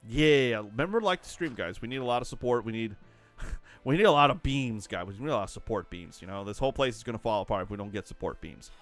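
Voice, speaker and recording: Excitable young man streaming a game. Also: on the low side, quick pace, faint music behind. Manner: excitable, rambling, laughs often. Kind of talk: casual live-stream chat while gaming.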